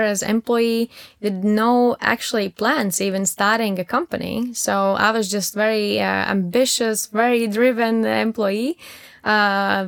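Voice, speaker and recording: A woman in her thirties from Latvia with a Latvian accent, a startup founder answering interview questions haltingly, with many restarts and fillers. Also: medium pitch, gravelly, clear, resonant tone, no echo, clean studio sound. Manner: halting, many repeated words and fillers, laughs often.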